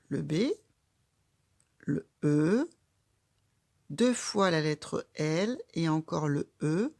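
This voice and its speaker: A woman's voice: low-pitched, vocal fry, dry recording, clean studio sound. A woman teaching handwriting, giving patient step-by-step instructions to a child. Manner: patient, calm, guiding a child stroke by stroke. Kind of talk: slow step-by-step handwriting lesson.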